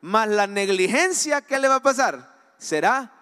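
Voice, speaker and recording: A Salvadoran pastor with a high voice delivers a sermon, throwing rhetorical questions at his congregation and swinging between loud emphasis and hushed asides. His voice rings out with a long reverb, as if in a large church hall. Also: animated, a little slow, smooth. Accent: Salvadoran Spanish.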